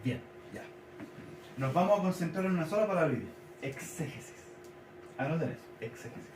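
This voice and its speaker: A man gives a teaching sermon in a slightly higher voice, slowing down to repeat and spell out key words. He sounds set back from the mic in an echoey church hall, with faint noise underneath. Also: expressive, recorded from a distance. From Chile. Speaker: pastor.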